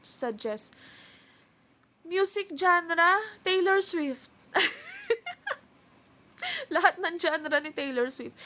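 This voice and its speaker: A woman's voice: high voice, pushed and bright. A woman with a Filipino accent hosting a casual live stream from home, giggling and chatting as she reads viewer comments into her phone. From Philippines. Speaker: livestream host.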